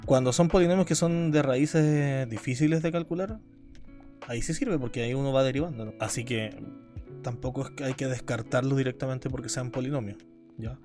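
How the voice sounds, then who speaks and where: A man's voice: mid-range voice, a little fast, mellow, faint music behind. Man explaining a calculus lecture. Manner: explanatory, often checks in with students. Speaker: university math lecturer.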